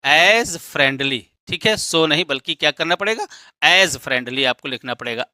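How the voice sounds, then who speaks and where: A man's voice: on the high side, expressive, normal speed, pushed and bright, no room sound. A man teaching an English grammar lesson, explaining step by step and posing questions that he answers himself.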